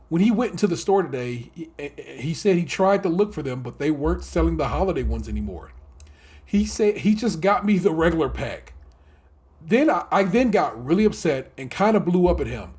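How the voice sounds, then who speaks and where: A man co-hosting a casual podcast, talking in an animated way, laughing often and swearing freely. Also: high-pitched, slightly rough. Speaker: podcast co-host.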